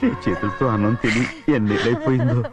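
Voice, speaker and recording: A man's voice: on the low side, fairly even intonation, fast, loud music behind the voice, natural voice. An actor playing a poor, weary laborer father who speaks humbly and with resignation. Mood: humble. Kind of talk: film dialogue.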